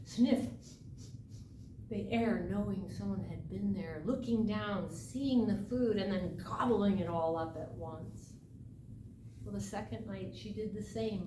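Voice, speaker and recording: A woman telling a folk tale aloud as a live storyteller, dramatic and deliberate, with emphatic phrases and pauses. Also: medium pitch. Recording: echoey, distant mic, noisy room ambience.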